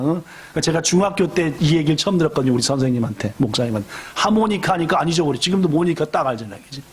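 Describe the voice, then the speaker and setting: A middle-aged male pastor preaching a sermon in a church, telling a story with lively storytelling and acting out the voices of the people in it. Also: high voice, breathy edge. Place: church sanctuary.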